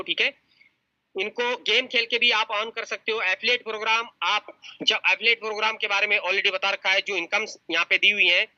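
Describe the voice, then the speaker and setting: A male presenter walks viewers through an investment plan in a persuasive, salesy tone, constantly calling them sir and friends. His voice is cutting and bright, recorded dry and close with a slightly muffled, lo-fi quality. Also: sits high, no echo. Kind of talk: screen-share plan review.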